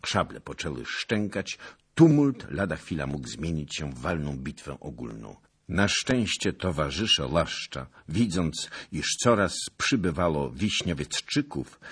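A man reading an audiobook aloud with expressive, theatrical literary narration. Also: a bass voice, breathy edge.

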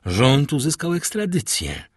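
Nervous portly male banker, middle-aged, husky, anxious mutterer; a man reads him. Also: medium pitch, huge pitch swings, unhurried, no echo, clean studio sound, voice pushed up, exaggerated voice.

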